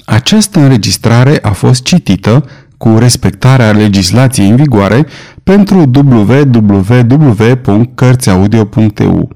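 A man from Romania reading an audiobook in a steady, deliberate narration. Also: medium pitch. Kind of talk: scripted narration.

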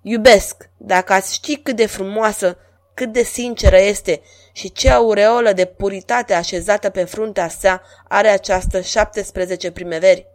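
A woman's voice: steady tone, close to an everyday voice. Woman voicing a vain, lovestruck king. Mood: rapturous. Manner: grand, declamatory, louder and higher than her narration. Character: lovestruck middle-aged French king, vain and commanding.

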